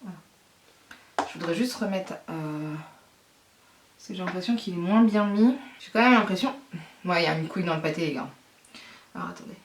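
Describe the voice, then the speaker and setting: A woman from France, a beauty vlogger at home, chatting casually to her viewers, flustered and excitable, swearing and talking through each step. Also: fairly low pitch, fairly quick, pauses often, recorded from a distance, a little hiss or hum. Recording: echoey room, speaking away from the mic.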